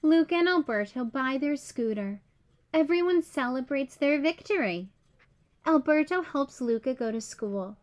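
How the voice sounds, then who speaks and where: Taking an unhurried approach, a woman whose voice sits high reads a children's picture book. She narrates as a storyteller would, with clear, simple expression.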